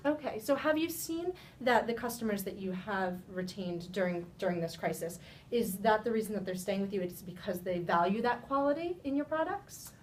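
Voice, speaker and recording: Rehearsing a sales pitch, a woman questions a client in a practiced business manner, her intonation lively and her pace moderate. The mic sits at a distance, and a low rumble runs in the background.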